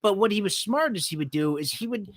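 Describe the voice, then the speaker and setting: A man co-hosting a casual podcast, telling animated stories and laughing as he goes. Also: high voice, fast talker, a crowd in the background. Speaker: podcast co-host. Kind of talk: casual chat.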